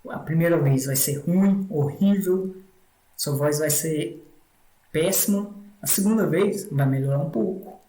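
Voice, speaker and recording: A man with a Brazilian Portuguese accent walks through a tutorial one step at a time. His voice sits somewhat high for a man. He repeats points patiently and recorded in a room with noticeable echo. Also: measured pace, dark tone. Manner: repetitive, instructive, frequent "né" tags. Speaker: English teacher.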